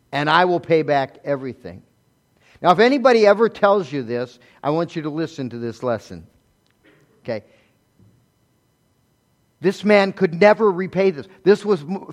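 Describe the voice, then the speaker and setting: A man preaching a sermon in a conversational way, asking rhetorical questions and moving between loud emphasis and soft, low asides. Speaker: pastor.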